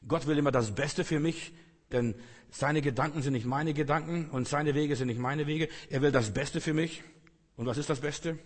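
A man's voice: fairly high pitch, normal speed, long reverb tail. A man preaching a sermon in a conversational way, often turning to the listener directly. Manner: conversational, addresses listener with "weißt du".

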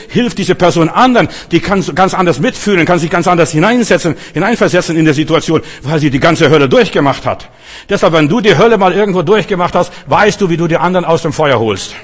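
A male pastor preaching a sermon, repeating key phrases emphatically and swinging between loud calls and quiet asides. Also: fairly high pitch, breathy edge.

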